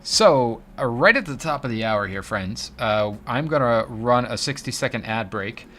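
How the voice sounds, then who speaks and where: A man's voice: medium pitch, animated, normal speed, a bit bright. A man hosting a casual livestream, chatty and joking, reading chat aloud. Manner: chatty, joking, drops into silly voices. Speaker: livestream host.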